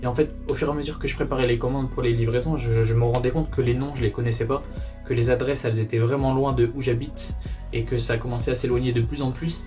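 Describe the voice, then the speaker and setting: A man's voice: medium pitch, fairly even intonation, fast talker, music in the background. A young man from northern France with a mild northern French accent, answering viewer questions in a chatty, slangy, laid-back way. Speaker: YouTuber. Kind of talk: casual Q&A vlog.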